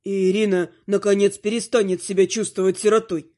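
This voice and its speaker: A woman voicing a calm, doting, oblivious immortal elf husband in an audiobook, speaking slowly and soothingly in a lowered voice. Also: lightly acted. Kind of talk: audiobook character voice.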